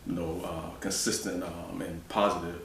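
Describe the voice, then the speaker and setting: A man who is a guest on a podcast and a father, telling a story in a calm, measured way with fillers. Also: deep voice. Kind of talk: casual conversational interview. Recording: roomy distant mic with faint background noise.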